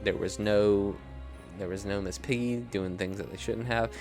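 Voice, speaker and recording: A man's voice: fairly low pitch, steady tone, normal speed, a little mellow, soft background music. A young man chatting casually and rambling in a self-deprecating way as he plays a video game. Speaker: streamer. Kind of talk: casual gameplay commentary.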